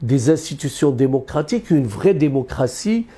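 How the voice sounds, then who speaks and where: This man, raised in Algeria with Berber heritage, gives an off-the-cuff interview as an economist, sincere but stumbling through many fillers and false starts. His pitch is medium with wide swings, and the tone is warm.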